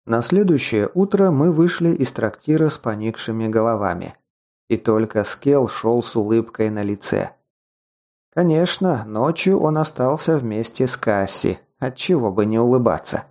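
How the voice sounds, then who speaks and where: A man reads a fantasy novel aloud in a dark, mellow voice at a middle pitch. His narration is measured and even, scripted. The tone stays steady from one line to the next. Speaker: audiobook narrator.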